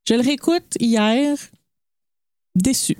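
A young woman with a Quebec French accent gives her opinion as a podcast guest, frank and deliberate. Her voice is fairly high but mellow. The sound is dry and close. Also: clear, resonant tone, dry recording. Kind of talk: casual podcast chat.

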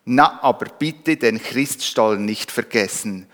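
A man's voice: mid-range voice, a little slow, fairly bright tone, natural voice. A man voicing a bear who grumbles about wanting his Christmas cake, in a reverberant hall. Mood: grumbling. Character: grumbling bear craving sweets.

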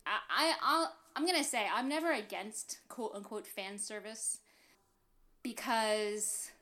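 A woman with a fairly high voice co-hosts a casual podcast conversation. She laughs easily and often restarts or trails off mid-thought. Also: a little slow, sharp tone. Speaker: podcast co-host. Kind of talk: casual chat.

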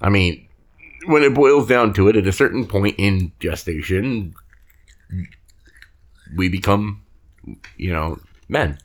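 A man's voice: fairly low pitch, slow pace, pauses often. A young adult man co-hosting a podcast, trading teasing, laid-back banter. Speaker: podcast co-host. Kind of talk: casual chat.

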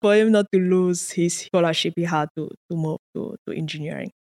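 A Cameroonian woman whose native tongue is French answers interview questions as a guest research scientist, talking briskly in a lowish, darkish voice. Her storytelling is earnest, dotted with occasional laughs and repeated words.

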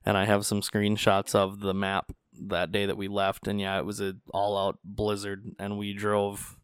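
At a moderate pace and fairly low pitch, a man from North Dakota hosts his podcast, telling stories conversationally and playing out quoted voices with animation. The tone is clean, the recording dry and studio quality, made on a studio podcast mic in a small studio.

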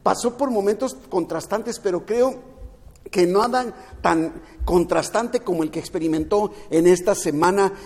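A man's voice: high voice, unhurried, a little mellow, husky. A man preaching a sermon as pastor, earnest, often repeating words and restarting. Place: at home, streamed during lockdown. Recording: long hall reverb.

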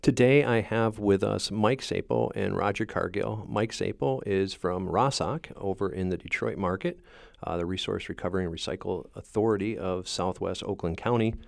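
A man hosts an interview podcast in a casual, conversational way. His voice sits low with some fry, and the sound is dry. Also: moderate pace, darkish tone, no room sound. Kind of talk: casual unscripted hosting.

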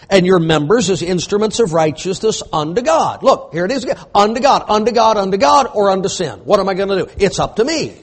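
A man preaching an emphatic sermon, repeating phrases and building to shouts. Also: high-pitched, slightly rough. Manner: emphatic, rising to shouts, repetitive preaching cadence.

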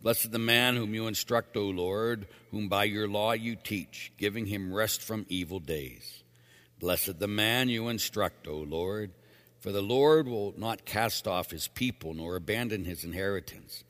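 A man's voice: fairly low pitch, a little slow, a bit bright, big-room sound. A man speaking as a priest, reading scripture and then giving a plain-spoken, emphatic homily with casual asides.

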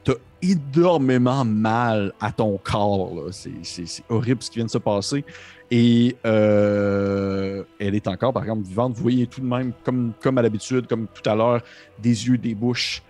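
A man's voice: on the low side, a little slow, darkish tone, soft background music. A man, narrating a tabletop game as game master in a descriptive way, with frequent hesitations. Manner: descriptive, hesitant with many fillers.

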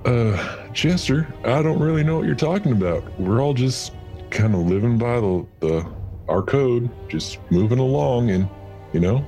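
A man's voice: mid-range voice, expressive, normal speed, mellow, soft background music, lightly acted. A man voicing a smug young male goliath rival who talks in a dismissive, self-satisfied way.

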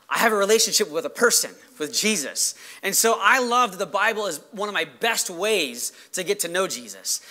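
A man preaching as a pastor in a conversational, emphatic way, his voice hoarse and giving out. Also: high-pitched, sharp tone. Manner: conversational, emphatic, checks in with "right?". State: hoarse, losing his voice after yelling. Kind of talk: sermon to a congregation.

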